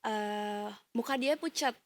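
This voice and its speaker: A woman's voice: on the high side, slow pace. A woman who teaches primary school, telling a story in a casual interview with many hesitant fillers.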